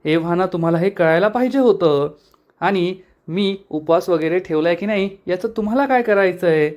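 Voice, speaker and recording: A man voicing a proud, quick-tempered young wife who answers back curtly. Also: sits high, a little mellow, lo-fi sound, close to an everyday voice. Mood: defiant. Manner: curt, defiant.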